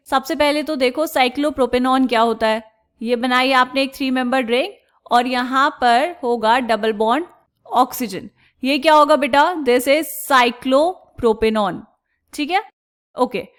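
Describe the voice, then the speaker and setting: A woman teaching chemistry step by step, asking questions and answering them herself, and drawing out technical terms slowly. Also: sits high. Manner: asks the class questions and answers them herself, calls students "beta"; slows down and stretches out technical terms. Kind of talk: explaining step by step on a board.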